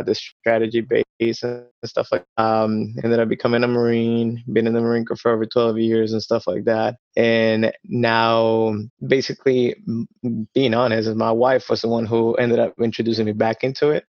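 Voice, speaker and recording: A man in his thirties from Ecuador, chatting casually as a guest, often halting and repeating words as he talks. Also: mid-range voice, no echo, dull audio. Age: 30s. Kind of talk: casual chat.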